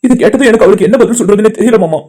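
A man voicing a young son-in-law, polite and quietly hurt. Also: sits high, very fast. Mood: subdued. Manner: polite, subdued. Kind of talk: amateur cartoon voice acting.

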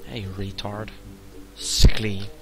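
A young man commenting on his own gameplay in a casual let's-play, muttering to himself, swearing often and breaking into sudden loud outbursts. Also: fairly low pitch, completely flat delivery, slow pace, soft background music. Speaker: gamer narrating his play.

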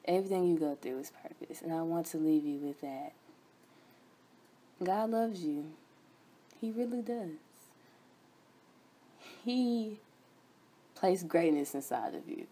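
A woman's voice: lowish voice, animated, slow, long pauses, dark tone, husky. A young woman hosting a sermon broadcast, preaching fervently with repeated chanted refrains. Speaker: host and preacher.

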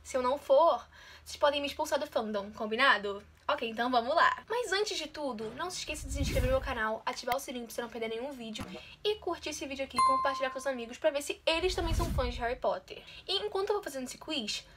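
A woman's voice: high-pitched, lively intonation, quick pace, background noise. A woman, chatting casually and teasing herself while taking a quiz on her channel. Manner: chatty, self-mocking, competitive. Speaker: YouTuber.

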